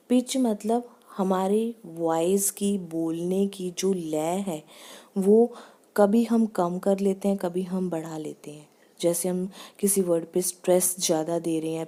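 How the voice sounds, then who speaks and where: A woman teacher, explaining in a lecture and reading English definitions slowly. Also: medium pitch, dark tone. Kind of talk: classroom lecture.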